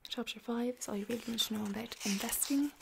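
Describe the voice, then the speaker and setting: A young adult woman in an ASMR role-play as a chatty librarian, talking in a soft library soft voice. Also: on the high side, quick pace. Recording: clear background noise.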